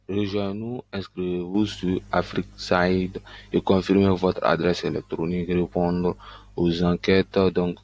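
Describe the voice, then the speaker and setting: Low-voiced man walking through a tutorial. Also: no echo. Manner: loose and halting, with frequent verbal fillers. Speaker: online business YouTuber. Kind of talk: casual screen-recording tutorial.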